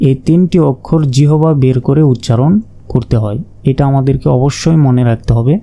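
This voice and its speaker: A man teaching Quran reading, slowly naming and repeating each Arabic letter and explaining how to pronounce it. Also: mid-range voice, dark tone. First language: Bengali. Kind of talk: slow letter-by-letter pronunciation lesson.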